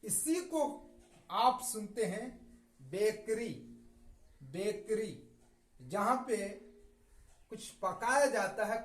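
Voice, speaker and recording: Slow, lively-pitched teacher spelling words. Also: male voice, echoey room, poor audio. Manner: spells words letter by letter, asks and answers own questions; repeats words slowly and emphatically. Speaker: English teacher. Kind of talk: vocabulary lesson with spelling and repetition.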